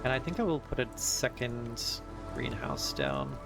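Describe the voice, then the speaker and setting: A man's voice: medium pitch, wildly swooping pitch, measured pace, creaky. A man streaming a strategy game, talking casually to himself, correcting himself and musing over choices. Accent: Australian. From Australia. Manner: thinking aloud, self-correcting. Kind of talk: casual gameplay commentary. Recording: music playing under voice.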